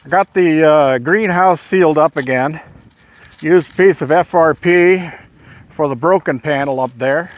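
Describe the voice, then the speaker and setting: A man's voice: a little high, highs cut off. A man out of breath after hard work, chatting casually as he walks through his desert greenhouse and shows his trees, rambling and correcting himself. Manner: rambling, self-correcting, with frequent filler pauses. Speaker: homesteading vlogger. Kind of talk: casual walkthrough vlog. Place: outdoors and inside a greenhouse in the desert.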